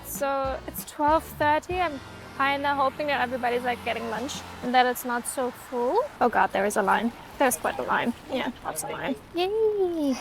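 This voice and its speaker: A high-voiced German woman in her twenties rambles casually with lots of fillers while filming a travel vlog on her phone camera. She's out among city streets and small eateries, with slight background noise.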